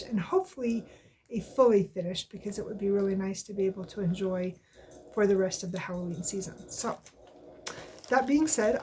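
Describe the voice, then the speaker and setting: A cross-stitch vlogger, stuffy-nosed from allergies, chats casually indoors at home in her weekly crafting update. Her mid-range voice is a little mellow as she rambles and often corrects herself, with a little hiss or hum on the audio.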